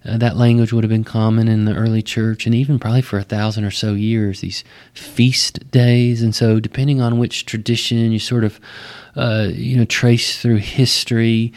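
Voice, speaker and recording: Low-voiced, halting West Texas man. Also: flat delivery, a little mellow. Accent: West Texas twang. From West Texas, United States. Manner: halting, thoughtful, pausing often mid-phrase. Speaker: Baptist pastor. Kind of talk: conversational explanation in an interview.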